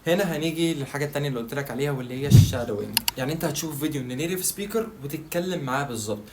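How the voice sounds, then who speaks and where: A man's voice: fairly high pitch, racing, noisy background. A man with an Egyptian Arabic accent giving a casual tutorial, chatting straight to the viewer and asking himself questions that he then answers. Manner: chatty, addresses the viewer directly. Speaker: language-learning video creator.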